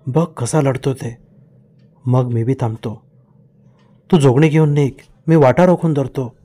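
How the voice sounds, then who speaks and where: A man's voice: mid-range voice, unhurried, warm tone, natural voice. A man voicing a bold village fighter who gives curt, urgent orders. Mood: urgent commanding.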